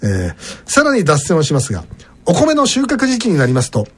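A man hosting a casual radio show, reading a letter aloud with animated asides. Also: fairly high pitch, a little fast, husky.

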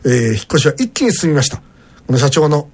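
A man hosting a casual radio show, reading a letter aloud with animated asides. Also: on the high side, a little fast, breathy edge.

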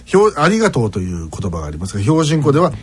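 A man hosting a casual web radio show, reading listener mail and acting out word accents with exaggerated pitch swings. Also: wildly swooping pitch, very fast, darkish tone, breathy edge.

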